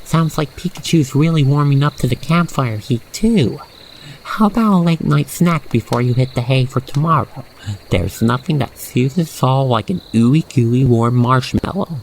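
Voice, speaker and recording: At a moderate pace, a slightly mellow, medium-pitched narrator walks the listener through a scripted ASMR roleplay with soothing, playful storytelling. The poor audio includes faint noise and chirping crickets, set against night insect ambience.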